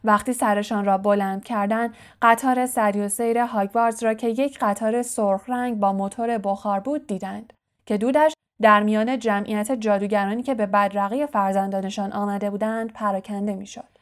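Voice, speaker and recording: A woman reading a novel aloud as an audiobook narrator, steady and clear. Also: medium pitch. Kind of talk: scripted narration.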